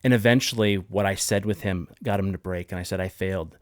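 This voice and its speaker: A man's voice: fairly low pitch, fast, no room sound, studio quality. A man hosting a podcast, telling a personal story in an earnest, heartfelt way, often restarting his sentences. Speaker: podcast host. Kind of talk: casual podcast conversation.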